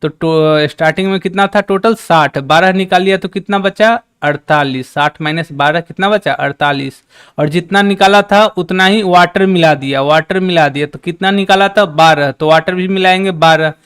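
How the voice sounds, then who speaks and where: A man teaches a maths lesson over a live stream, explaining each step and chatting with his viewers as they type. His voice sits a little high for a man and comes through smooth and clear. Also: normal speed, fairly bright tone. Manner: chatty teacher, reads out and teases chat.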